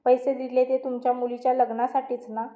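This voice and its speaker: A woman voicing a stubborn, bullying middle-aged uncle who speaks loudly and scolds. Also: high voice, flat delivery, brisk, close to an everyday voice. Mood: angry. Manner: loud, scolding. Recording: roomy echo.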